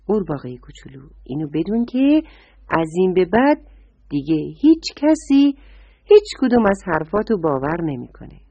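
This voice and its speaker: An indignant storybook lady deer scolds with a lively, rising voice, as a woman narrator puts her on. The tone is breathy and dry. The recording is dull and lo-fi. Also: fairly low pitch, no room sound, full character voice. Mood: scolding. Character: upset lady deer of the forest.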